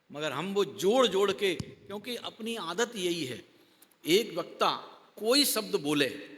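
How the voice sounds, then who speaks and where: A man's voice: very high voice, pushed and bright. A man giving a religious discourse to a class as a Jain teacher. He keeps asking his listeners questions and repeats key words for emphasis. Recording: long hall reverb.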